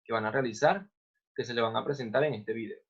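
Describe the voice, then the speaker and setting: A man explaining grammar as an English teacher, who says example phrases slowly and then explains them step by step. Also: medium pitch, slightly rough, dull audio.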